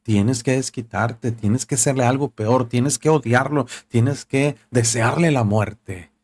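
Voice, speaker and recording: A man's voice: mid-range voice, measured pace, darkish tone, husky. A man voicing personified Folly as a spiteful tempter, in an insistent, goading way.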